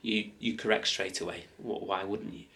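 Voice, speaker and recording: A man's voice: lowish voice, steady tone, normal speed, bright, forceful tone. A man teaching a toddler letters in playful, simple talk with coaxing questions and praise, and asides to viewers. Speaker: parent teaching phonics to a toddler.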